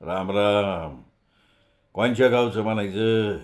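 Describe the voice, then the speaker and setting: A man voicing a poor, hospitable old village grandfather who talks slowly and low in rustic speech. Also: darkish tone.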